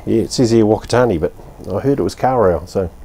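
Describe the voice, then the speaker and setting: On the low side and a little fast, this man's mellow voice has a breathy edge. He's in his fifties with a New Zealand accent, casually reviewing a beer at his outdoor home bar, laid-back and blunt, rambling along with fillers and mild swearing.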